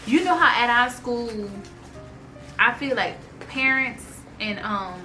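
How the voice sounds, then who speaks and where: A woman's voice: fairly high pitch, animated, slow, pushed and bright, distant mic, faint music behind, poor audio. A woman, chatting casually and emphatically, repeating phrases for stress. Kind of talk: casual conversation.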